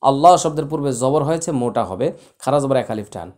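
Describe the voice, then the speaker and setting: A man teaching Quran recitation, spelling out letters slowly and chanting verses with long drawn-out vowels. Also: mid-range voice, animated, darkish tone. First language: Bengali.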